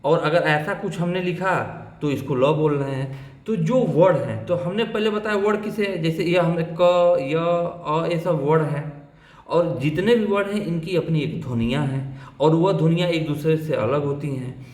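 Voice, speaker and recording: A man's voice: on the high side, moderate pace, darkish tone, echoey room. A man teaching a grammar lesson for exam prep who keeps asking his own questions and answering them.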